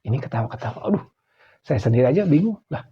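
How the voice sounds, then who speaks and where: A man's voice: medium pitch, very fast, slightly rough. A middle-aged man from West Java with a Sundanese accent, telling an eerie story in a casual chat, acting out what people said and sometimes dropping to a near whisper. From West Java, Indonesia. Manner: animated, acts out quotes, drops to near whispers. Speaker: guest storyteller. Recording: dull lo-fi sound.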